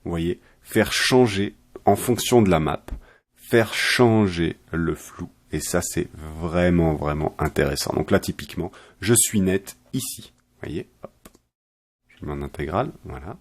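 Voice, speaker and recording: A man explaining software step by step in a chatty, self-correcting tutorial style. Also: low-pitched, measured pace. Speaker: software trainer. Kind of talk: screen-recorded software tutorial.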